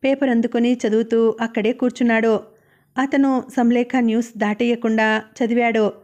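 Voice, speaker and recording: A woman narrating a novel as an audiobook in a steady, even reading manner. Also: on the high side, moderate pace.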